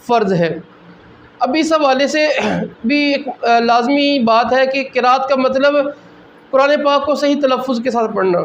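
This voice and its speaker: A man's voice: very high voice, dull audio, a little hiss or hum. A man, a mufti, giving a religious lesson, explaining rulings step by step and checking in with "theek hai" between points. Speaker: mufti teaching Islamic law.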